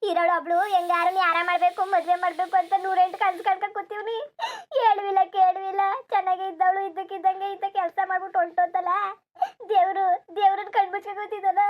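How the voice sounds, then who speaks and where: A woman's voice: extremely high pitch, little pitch movement, quick pace. A woman voicing a wailing village mother. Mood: wailing lament. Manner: lamenting, scolding, sobbing in bursts. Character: grieving village mother, middle-aged, bitter and wailing. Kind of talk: cartoon dubbing.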